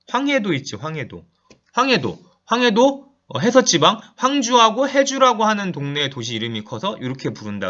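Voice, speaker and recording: A male high school teacher giving an online geography lecture, chatting to his students while drawing a map. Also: sharp tone, muffled recording. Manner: chatty, addresses students directly, thinks aloud while drawing.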